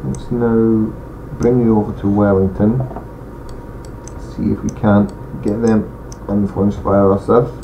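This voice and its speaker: A gaming channel host with a low, gravelly voice does let's play commentary, talking a little slowly in a regional accent he admits some may not follow. He's relaxed, thinking aloud with mumbled asides, captured on a dull lo-fi home mic with loud hiss.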